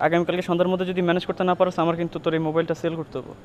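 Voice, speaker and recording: A man's voice: on the high side, flat delivery, racing, darkish tone, slight background noise, lightly acted. A man playing a teasing young man who rents out a garage room for money, talking in slang. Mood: mocking.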